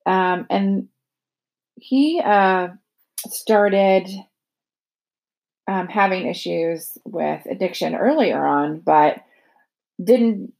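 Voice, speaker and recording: A middle-aged woman giving a casual, halting podcast introduction, thinking aloud as she goes. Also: mid-range voice, gravelly, a little mellow. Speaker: podcast host. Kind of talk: casual spoken introduction of a guest.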